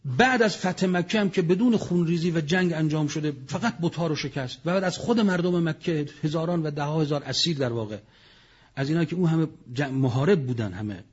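A man's voice: on the high side, breathy edge, lo-fi sound. A man giving a religious lecture, telling history with dramatic storytelling and sudden raised outbursts. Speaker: preacher.

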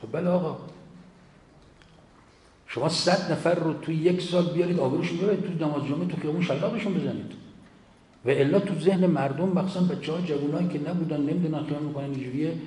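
A man delivering a sermon, forceful and full of rhetorical questions. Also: a little high. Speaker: cleric. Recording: echoey hall with faint ambience.

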